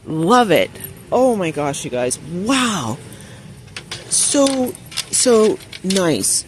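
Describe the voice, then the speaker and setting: A man's voice: sits high, sing-song, drawn-out words, a little hiss or hum. Gushing man listing store bargains. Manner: gushing, chatty, reads out prices and deals. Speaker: shopping vlogger. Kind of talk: shop-with-me vlog narration. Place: aisle of a discount store, indoors. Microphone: handheld phone camera.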